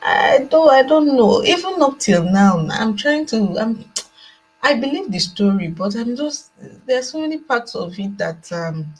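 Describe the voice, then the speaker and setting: Her fairly high, breathy voice is very animated yet unhurried, though the audio quality is poor. A remote panel guest with a Nigerian accent, she calls in from a laptop indoors and gives unscripted opinions hesitantly and thoughtfully, repeating phrases for emphasis.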